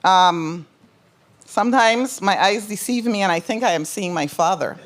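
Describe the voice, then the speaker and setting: A woman's voice: medium pitch, moderate pace. Middle-aged woman with a Crucian accent. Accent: Crucian, Virgin Islands. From Saint Croix, US Virgin Islands. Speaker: newly elected senator. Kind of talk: ceremonial thank-you speech.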